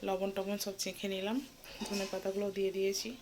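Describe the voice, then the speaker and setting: Mom in her 30s vlogging at home, chatty, lots of fillers, soft voice sometimes, noisy background. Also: medium pitch, monotone, fairly quick. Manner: chatty, filler-heavy, talks softly at times so the baby keeps sleeping. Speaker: vlogger and mother. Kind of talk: casual home vlog narration. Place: small home, indoors. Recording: home recording with clear background noise.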